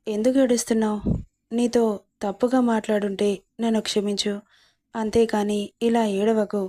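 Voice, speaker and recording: A woman voicing a remorseful young man who pleads gently in a storybook reading. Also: a little high, flat delivery, moderate pace, natural voice. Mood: pleading.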